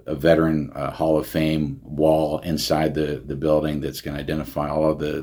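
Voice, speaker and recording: A man's voice: very deep voice, darkish tone, slightly rough. A man, a county veterans service director, talking earnestly in an interview with frequent restarts. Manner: earnest, many restarts and fillers. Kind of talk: casual interview talk.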